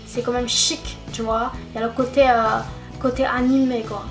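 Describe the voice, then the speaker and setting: High-voiced woman chatting to her subscribers. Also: level tone, normal speed, faint music behind. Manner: repetitive, keeps stressing "vraiment"; talks straight to the viewer. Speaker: YouTube vlogger. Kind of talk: casual chat to subscribers. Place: bedroom at home, at night. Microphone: camera-mounted shotgun mic.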